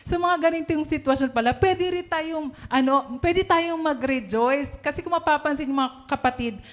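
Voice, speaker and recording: A woman shares her testimony at a prayer meeting, her voice sitting a little high. She talks cheerfully, laughs often and acts out little quoted scenes. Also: moderate pace. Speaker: church member giving testimony.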